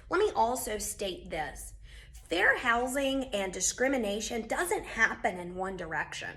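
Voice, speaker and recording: A woman's voice: medium pitch, fairly bright tone. Emphatic woman teaching a class. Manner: direct, emphatic, repeats key points. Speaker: real estate instructor. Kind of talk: recorded lecture.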